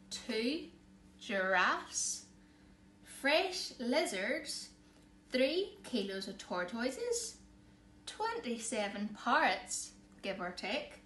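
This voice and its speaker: In a small living room, a woman in her thirties reads a picture book aloud to children in an expressive, theatrical, emphatic way, her voice sitting high. A camera or phone a short distance away records her, and the room is echoey with faint background noise.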